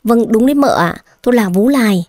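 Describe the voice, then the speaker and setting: A woman's voice: a little high, lively intonation, a little fast, a little mellow, no echo, lightly acted. Woman doing a patient old housemaid. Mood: patient coaxing. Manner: polite, coaxing. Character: old household maid in her sixties, patient, dutiful.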